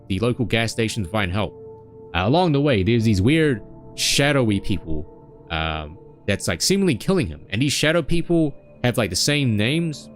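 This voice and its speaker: A young man recapping a story in a casual, rambling way, with many fillers and asides. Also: fairly low pitch. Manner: rambling, with frequent fillers and acted-out voices. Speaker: streamer.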